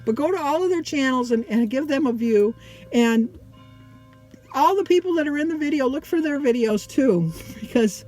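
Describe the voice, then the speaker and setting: A woman's voice: high voice, lively intonation, normal speed, a little mellow, faint music behind, low-quality recording. A middle-aged or older woman vlogger chatting casually to her viewers, rambling and often breaking off mid-sentence.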